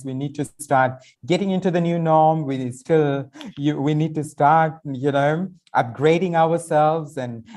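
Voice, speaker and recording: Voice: medium pitch, darkish tone. Fijian-accented host, conversational and hesitant. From Fiji. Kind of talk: online panel moderating.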